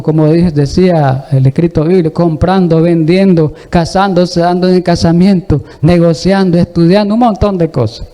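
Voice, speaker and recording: Man, preacher, sermon, high voice, warm tone, rhetorical questions. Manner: exhorting, rhetorical questions to the congregation.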